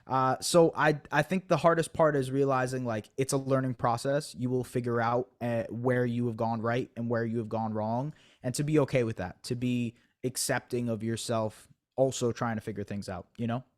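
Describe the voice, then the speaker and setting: A man's voice: medium pitch, fairly even intonation, normal speed, hardly any pauses. Young guy on a podcast, chatty and self-deprecating, lots of "like" and "you know". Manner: thoughtful, self-deprecating, lots of fillers and restarts. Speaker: basketball analyst guest. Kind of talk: conversational podcast interview.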